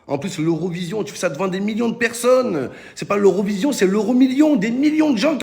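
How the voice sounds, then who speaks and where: A man delivers a comic rant to camera. His voice sits high with a gravelly rasp. He talks in rowdy street slang and keeps hailing his viewers as "les gars". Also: expressive, brisk, dark tone. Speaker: comedian.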